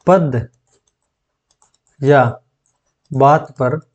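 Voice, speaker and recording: A man teaching an exam-prep grammar lesson, dictating slowly and repeating phrases so students can take notes, often checking in with them. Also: mid-range voice, highs cut off.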